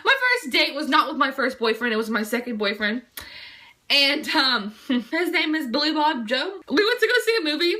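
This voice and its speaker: Teen girl vlogger, high and bright, rambling casual chat. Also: expressive, moderate pace. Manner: rambling, lots of fillers.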